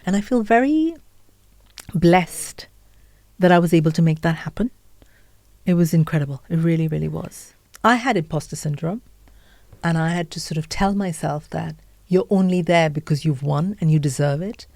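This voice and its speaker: In a dry recording, a middle-aged Indian-accented woman speaks at normal speed in a low, slightly mellow voice. A podcaster and author, she shares her story earnestly during a candid interview, with lists and quotes of what she told herself.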